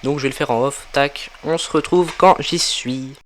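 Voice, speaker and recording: A man's voice: a little high, normal speed. A young man giving a casual game walkthrough, thinking aloud with lots of fillers as he plays. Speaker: gaming tutorial creator.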